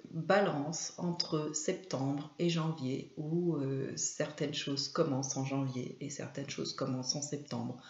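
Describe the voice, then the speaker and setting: A woman hosting a casual video about films, talking hesitantly with frequent fillers and pauses. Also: low-pitched, a little mellow. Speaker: video host and trainer. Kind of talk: casual film commentary to camera. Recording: echoey room, slightly dull sound.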